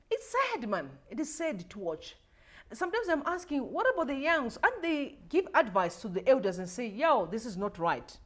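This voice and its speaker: Impassioned high-voiced woman in her forties. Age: 40s. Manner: emotional, repetitive, preachy, addresses viewers directly. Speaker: livestream host. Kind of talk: impassioned political commentary.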